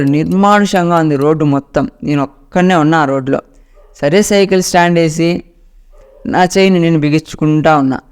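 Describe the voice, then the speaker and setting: A man's voice: a little high, a little mellow, clear, resonant tone. A man narrating a first-person ghost story in a dramatic storytelling manner.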